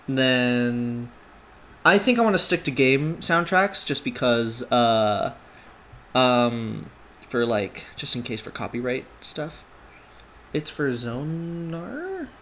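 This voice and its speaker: Chill streamer doing a music breakdown, slow easygoing talk, keeps humming melody bits on da da da. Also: mid-range voice, fairly bright tone, a little hiss or hum. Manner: hums melodies on nonsense syllables to demonstrate; loose, conversational, thinking aloud with fillers.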